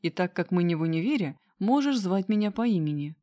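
A woman voicing a calm, friendly young male lecturer who speaks softly and a little unsure. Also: lowish voice, fairly quick, no echo, natural voice. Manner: soft, slightly unsure.

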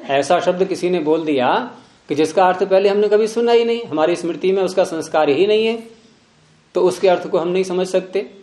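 High-voiced man teaching, echoey room. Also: brisk, a little mellow. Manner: questioning, repeatedly prompting with "hmm?". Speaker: yoga philosophy teacher. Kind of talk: classroom lecture with questions to students. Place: room with students present.

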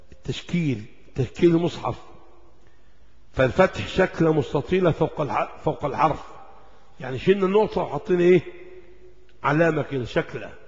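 A man with an Egyptian Arabic accent teaches a religious class, tossing out questions and answering them himself. His voice sits high for a man. The recording is dull and carries the long echo of a large hall. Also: animated, moderate pace, long pauses, darkish tone. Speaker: Islamic lecturer. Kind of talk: religious lesson explaining Quran script.

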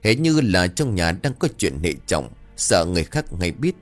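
Guy telling a creepy folk story, lowish voice, swings a lot, faint music behind. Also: moderate pace. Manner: expressive, dramatic. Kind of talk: dramatic story narration.

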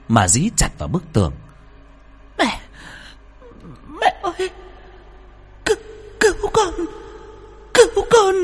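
A man's voice: medium pitch, slightly rough. A man reading a horror story aloud in a dramatic, swinging delivery, with faint music underneath. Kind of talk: scripted horror narration.

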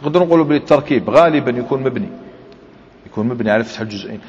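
A man teaching a grammar lesson, explaining step by step and quizzing his students with quick questions. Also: medium pitch, expressive, a little mellow, husky. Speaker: Islamic scholar teaching Arabic grammar. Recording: dull lo-fi recording with long hall reverb.

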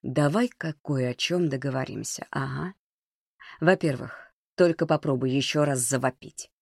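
A cold, mocking young man who talks low and deliberate, with menace under the calm, as a male narrator gives him voice. The sound is close and dry, with no room around it. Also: creaky, dry recording.

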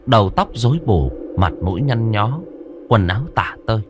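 A man reading a horror story aloud in a dramatic, expressive way. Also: on the low side, moderate pace, noisy background. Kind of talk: scripted horror story narration.

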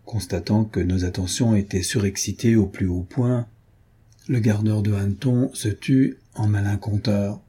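A man narrating a classic short story for an audiobook in a measured, wry way. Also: on the low side, steady tone, warm tone, slightly rough.

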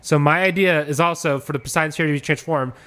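A comedy podcast host pitches ideas, riffing casually through a joke in a slightly high, fairly bright voice. His delivery is loose, unhurried and comic, and he rambles, stacking "like" and "you know" along the way.

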